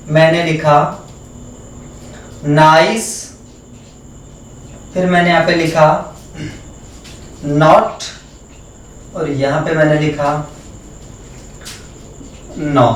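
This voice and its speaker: A man teaching a phonetics lesson at a board, spelling out words letter by letter and repeating them slowly. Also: on the high side, a little hiss or hum. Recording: echoey room, voice from far off.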